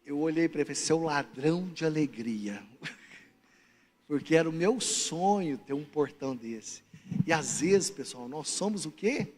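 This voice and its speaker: A man's voice: a little high, expressive, a little slow, a little mellow. A Brazilian man preaching a sermon, telling humorous stories and acting out the people in them. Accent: Brazilian Portuguese. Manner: humorous, acts out characters in his stories. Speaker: pastor. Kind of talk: sermon with storytelling. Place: church hall. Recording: long reverb of a church hall.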